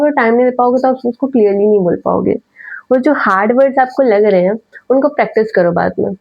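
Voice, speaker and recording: A woman teaching verbal communication in casual mixed Hindi and English, who talks fast and leans on key words for emphasis. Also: on the high side. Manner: naturally fast talker. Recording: dull lo-fi recording.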